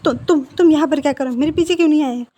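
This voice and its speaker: A woman's voice: high voice, fast talker, mellow, pitched above the performer's own voice, natural voice. Cool, bossy young man, clipped orders; woman narrator voicing. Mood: curt.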